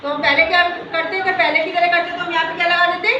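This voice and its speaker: A woman's voice: very high-pitched, fairly even intonation, quick pace, pushed and bright, dull audio, a little hiss or hum. A woman teaching a class, asking the pupils question after question as she explains. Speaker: schoolteacher. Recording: very echoey classroom from far off.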